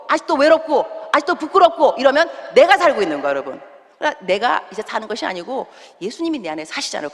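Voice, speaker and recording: Emphatic woman pastor preaching in a hall. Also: medium pitch. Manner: emphatic, with wide swings between loud and hushed; acts out quoted voices and mixes in English words. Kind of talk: sermon. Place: large church hall. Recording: long reverb of a church hall.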